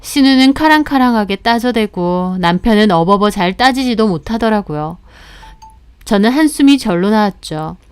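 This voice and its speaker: A woman's voice: medium pitch, animated, normal speed, clear, resonant tone, no room sound. A young adult woman narrating her own story in a firm, matter-of-fact way.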